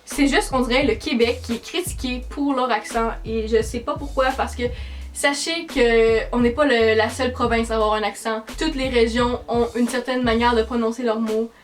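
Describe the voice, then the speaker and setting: A high-voiced teenage girl with a strong Québécois French accent talks chattily to her camera. She answers comments in a dry, sarcastic way. Faint music plays softly behind her. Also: fairly even intonation, moderate pace. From Quebec, Canada. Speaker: YouTuber. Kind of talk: casual vlog, reading comments aloud.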